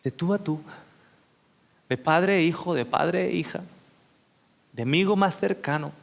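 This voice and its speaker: A male preacher delivers a seminar sermon full of emotion, putting direct questions to his listeners and dropping into slow, hushed whispers for emphasis. His voice is gravelly and fairly high-pitched.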